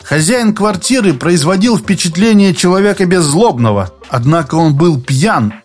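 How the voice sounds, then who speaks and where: A man's voice: sits high, lively intonation, moderate pace, soft background music. Man narrating an audiobook. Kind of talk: scripted narration.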